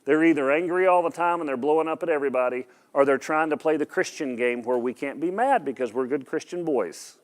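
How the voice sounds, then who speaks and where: A man's voice: fairly high pitch, brisk, few pauses. A man preaching a sermon to an audience in a hall, emphatic and direct, often asking the listeners questions and repeating his words. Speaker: pastor.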